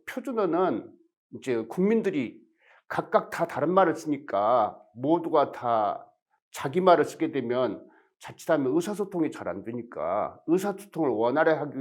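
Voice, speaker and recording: A middle-aged male professor, lecturing in a fairly high voice. His intonation rises and falls freely. He explains step by step and poses questions to his audience. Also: a little mellow. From Jeolla region of Korea. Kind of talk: recorded lecture.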